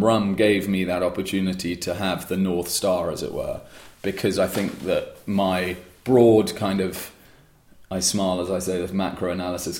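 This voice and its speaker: A man's voice: low-pitched, darkish tone, reverberant. A man being interviewed about founding his own rum brand, talking in long, rambling answers full of restarts and fillers. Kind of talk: conversational interview.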